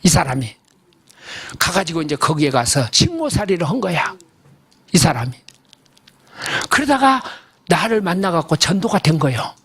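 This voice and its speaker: Older guy pastor giving a sermon, husky voice that swings all over, folksy and punchy, keeps asking the crowd stuff. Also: sits high, fairly bright tone. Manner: folksy, emphatic, asks the congregation questions. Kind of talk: sermon storytelling. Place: church service.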